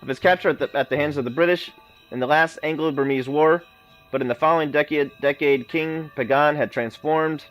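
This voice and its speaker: A man's voice: a little high, fairly even intonation, fairly quick, soft background music. A man hosting a let's play, reading the game's text aloud with restarts and side remarks. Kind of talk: reading game text aloud while playing.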